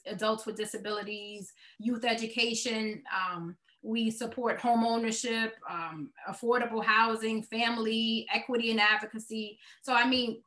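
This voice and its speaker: Brooklyn accent woman doing an interview, bright kinda high voice, earnest, repeats words for emphasis. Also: poor audio. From Brooklyn, New York, United States. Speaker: nonprofit executive, interview guest. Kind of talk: conversational interview answers.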